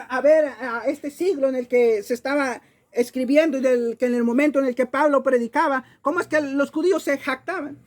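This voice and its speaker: High-voiced Mexican woman preaching a sermon. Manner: emphatic, repeats words while searching for them.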